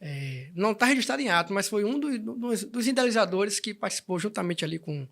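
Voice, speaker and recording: A man from Salvador, Bahia, Brazil, speaks as a guest in a casual interview, introduced as a band president. His voice is high-pitched, expressive, fairly quick and a bit bright, and he tells his story with many restarts.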